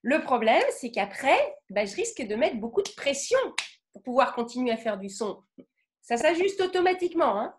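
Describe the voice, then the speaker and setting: A French woman giving a lively talk on the voice, acting out emotions with sudden vocal bursts and often checking in with her audience. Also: high voice, moderate pace, slight background noise. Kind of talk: lively spoken lecture with demonstrations.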